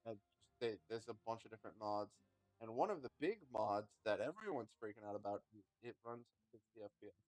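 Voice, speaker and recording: A man's voice: lowish voice, expressive, a little fast, a little mellow, no echo, rough recording. Laid-back male gameplay streamer. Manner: laid-back, rambling, swears casually. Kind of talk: casual gameplay chat.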